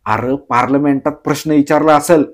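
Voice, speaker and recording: A man voicing a sly joking villager who drawls slowly and teases. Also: on the high side, fairly even intonation, close to an everyday voice. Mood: playful. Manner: slow, drawling, teasing, throat-clearing. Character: sly joking male villager, slow teasing talker.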